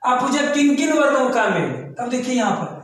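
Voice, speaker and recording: A man's voice: extremely high pitch, animated, moderate pace, a bit bright. A man teaching an exam coaching lesson, repeating key terms and chanting them in lists. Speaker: grammar teacher. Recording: very echoey room.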